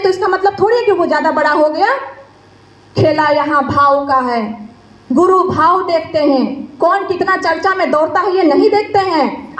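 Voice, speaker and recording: A woman with a strikingly high voice preaches an impassioned devotional sermon. She scolds her listeners and keeps firing rhetorical questions at them. Her words ring through an echoey room. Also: a bit bright. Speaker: spiritual speaker. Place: stage before a gathering.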